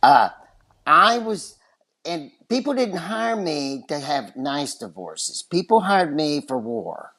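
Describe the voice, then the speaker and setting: Animated older Texan man with West Texas twang. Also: a little high, takes it slowly. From West Texas, United States. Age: 60s or older. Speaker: podcast guest, retired divorce lawyer. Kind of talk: animated anecdotal interview talk.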